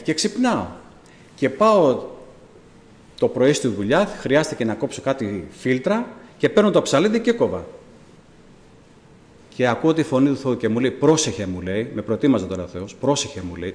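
A man, a deacon, telling his testimony to a church congregation in animated storytelling, acting out the dialogue of the people in it. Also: mid-range voice, long reverb tail.

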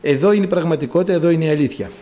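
A middle-aged man preaching a sermon, acting out quoted voices and swinging from loud to hushed. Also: on the high side.

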